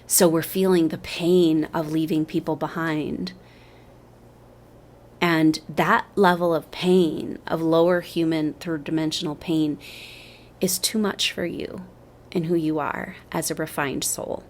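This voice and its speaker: A woman's voice: low voice, steady tone, measured pace, a little hiss or hum. A woman giving an astrology and spiritual forecast in an earnest, flowing way with dramatic emphasis.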